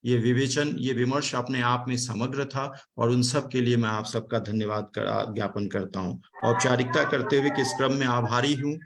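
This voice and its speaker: A man's voice: mid-range voice, steady tone, moderate pace, few pauses. A man from Delhi giving a formal academic talk and thanks on a video call, explaining word meanings with hesitant fillers. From Delhi, India. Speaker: speaker giving vote of thanks at online event.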